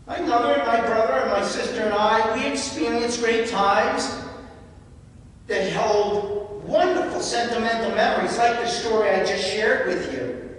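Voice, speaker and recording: A man's voice: very high-pitched, unhurried. A man giving a sermon, telling personal stories and sometimes moved by emotion. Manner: personal storytelling, emotional at times. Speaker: homilist. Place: large church. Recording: echoey church hall from far off.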